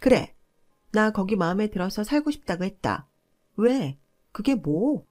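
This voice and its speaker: A woman's voice: medium pitch, expressive, normal speed, mellow, close to an everyday voice. A woman voicing an overbearing, entitled middle-aged sister-in-law who talks down to others in a scolding tone. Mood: shrill. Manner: scolding, condescending.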